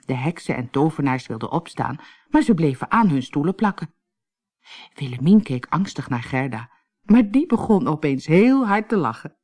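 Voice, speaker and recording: A woman narrating a children's fairy tale in an expressive storybook reading. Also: deep voice, normal speed. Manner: expressive, lively.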